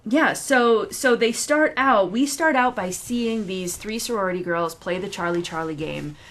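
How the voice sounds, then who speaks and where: A woman's voice: mid-range voice, measured pace, a bit bright. A woman co-host talking casually about a film, telling it in an amused, wry way. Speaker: podcast co-host reviewing horror films. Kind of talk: casual movie discussion.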